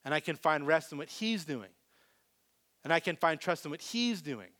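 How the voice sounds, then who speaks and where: A pastor preaching a live sermon with a higher-than-usual voice. He is animated, pushing some lines out loud and dropping others to a hush. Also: moderate pace. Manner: animated, swings from loud to very soft.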